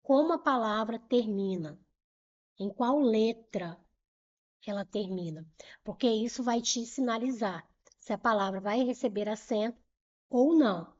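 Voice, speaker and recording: A middle-aged woman with a slightly high voice teaches grammar in an online exam-prep lesson. She explains each rule step by step, repeats key points and asks the viewer rhetorical questions, urging them along briskly. The recording sounds dull and muffled. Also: a little mellow.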